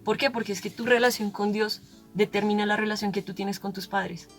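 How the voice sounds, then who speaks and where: A woman's voice: medium pitch, fairly even intonation, brisk, faint music behind. Candid young woman. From Colombia. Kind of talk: conversational religious talk.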